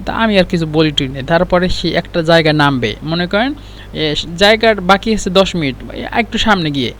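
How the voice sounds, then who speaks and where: A man's voice: high-pitched, fairly bright tone, slight background noise. A man giving a casual Arabic lesson, chatty and full of restarts. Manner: chatty, with many fillers and restarts. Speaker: Arabic language teacher. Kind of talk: casual spoken lesson with an anecdote.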